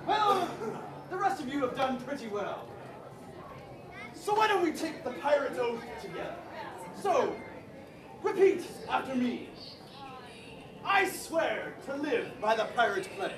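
A woman playing a bossy, playful pirate captain on stage, booming and teasing the audience in a live show. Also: very animated, unhurried, long pauses, crowd noise. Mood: drilling recruits. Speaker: stage actor. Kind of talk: live interactive theatre. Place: indoor theatre, live audience. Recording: echoey hall from far off with audience.

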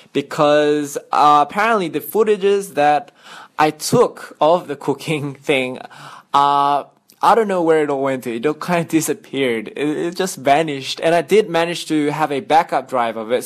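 A young Australian man hosts a radio show, chatty and upbeat, breaking into playful vocal sound effects. His voice sits a little high for a man. He talks close to a studio microphone. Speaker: radio host. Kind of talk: casual radio hosting.

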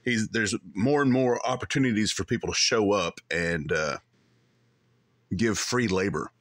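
A man commenting on a played-back stream, calmly cutting in to rebut what was said. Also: lowish voice, no room sound, studio quality. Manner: measured, skeptical, cuts in to rebut. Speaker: commentator reacting to a clip. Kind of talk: dry reaction commentary.

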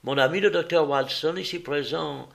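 A man doing calm, precise Sherlock Holmes. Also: on the high side, normal speed, gravelly, voice pushed up. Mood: composed. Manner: composed, patient, precise. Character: calm, sharp-eyed male detective, measured and polite.

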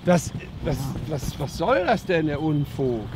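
A man who works as a dog trainer, giving lively casual commentary outdoors as he talks to the dogs and to his viewers. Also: on the high side, a little slow, background noise.

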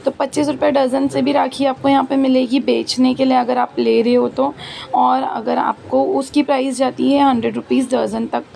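Filming on a handheld phone, a woman strolls through a bustling outdoor market, chatting and naming prices for her vlog. She has a high, mellow voice with vocal fry, flat delivery and a normal pace, set against street noise and market ambience.

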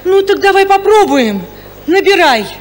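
An actress on a comedy stage playing a bossy wife who shouts instructions at her husband. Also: very high voice, sing-song, normal speed, slight background noise. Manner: loud, bossy.

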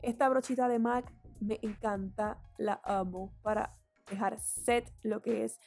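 A woman's voice: medium pitch, fairly even intonation, measured pace, gravelly, darkish tone, faint music behind. A woman beauty vlogger talking candidly and chattily as she does her makeup, explaining each step. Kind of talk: get-ready-with-me makeup tutorial chat.

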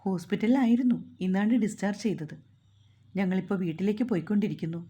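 A woman's voice: mid-range voice, fast, mellow, breathy edge, natural voice. A woman storyteller voicing a playful young wife who teases and coaxes her husband. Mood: quiet. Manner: coaxing, pleading, playful.

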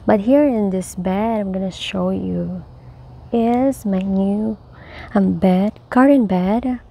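Speaking slowly in a medium-pitched voice that's gravelly and dark with a breathy edge, a home gardener cheerfully shows viewers around her backyard garden. She chats as she films outdoors on her handheld phone.

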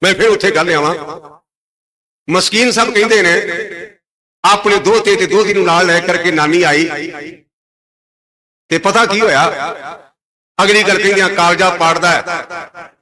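Loud high-voiced preacher man. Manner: loud emphatic delivery; slows to intone scripture verses. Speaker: Sikh preacher giving katha. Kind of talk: religious sermon.

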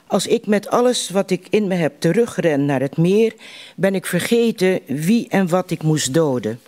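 A man reciting poems in a slow, measured way, with deliberate pauses between lines. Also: high voice, animated, darkish tone. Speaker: poetry reciter at a literary evening.

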